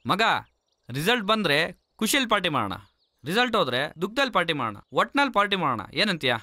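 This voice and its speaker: A man's voice: high voice, very animated, fast, bright, forceful tone, dry recording, studio quality, heavily acted. An actor playing a joking young male friend who banters with his pals. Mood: bantering. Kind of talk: film acting.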